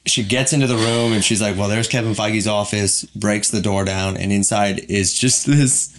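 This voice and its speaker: A man in casual podcast chat, ranting with animation, his pitch jumping up when he gets worked up. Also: fairly even intonation, normal speed. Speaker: podcast co-host.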